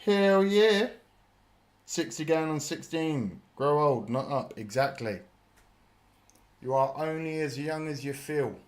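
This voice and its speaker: A man's voice: a little high, animated, slow pace, long pauses. A British man in his thirties hosting a live watch party stream, chatting and joking with viewers and laughing often. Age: 30s. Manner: chatty and jokey, laughs often, swears casually. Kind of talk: live reaction chat.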